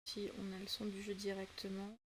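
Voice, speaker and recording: A woman's voice: medium pitch, completely flat delivery, fairly quick, slight background noise. A woman from south-west France chatting casually as a streamer, with a loose flow full of fillers and restarts. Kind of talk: casual livestream chat.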